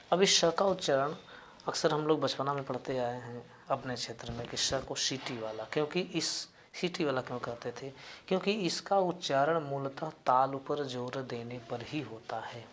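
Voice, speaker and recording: Slow, deliberate male teacher. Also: medium pitch, a little hiss or hum. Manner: slow, deliberate, repeating and spelling out sounds. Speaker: Sanskrit teacher. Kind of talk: explaining a grammar lesson.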